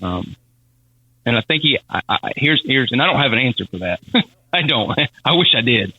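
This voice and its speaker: A man telling a personal faith testimony as a podcast guest, halting and repeating words as he speaks. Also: mid-range voice, animated, breathy edge, no echo, lo-fi sound. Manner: halting, repeats words, Southern-style casual phrasing.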